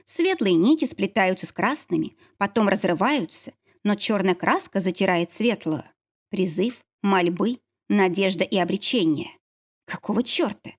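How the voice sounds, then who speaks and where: A woman's voice: medium pitch, animated, normal speed. Woman narrator, dramatic first-person audiobook reading.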